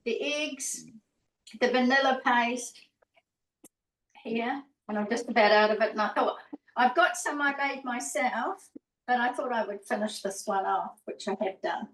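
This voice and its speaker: A woman with a slightly high, somewhat bright voice speaks a bit slowly as she runs through a casual cooking demonstration on a video call. Chatty and prone to rambling, she corrects herself as she goes, heard from a distant mic in a roomy space.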